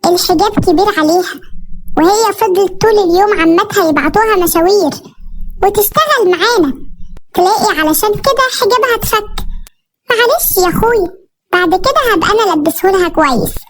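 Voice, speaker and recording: A woman's voice: extremely high pitch, quick pace, slight background noise. A woman voicing a tender mother who pleads with her husband and soothes her daughter. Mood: pleading.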